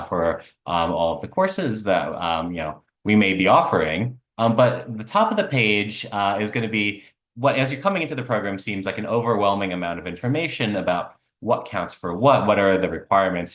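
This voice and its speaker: Male faculty presenter, deep voice, halting delivery, roomy echo. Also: fairly bright tone. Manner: halting, many fillers and restarts. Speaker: computer science faculty member. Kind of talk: online info session presentation.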